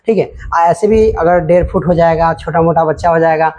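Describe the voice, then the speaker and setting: A man's voice: fairly high pitch, moderate pace, darkish tone. A man teaching a lesson, explaining step by step and speaking directly to his students.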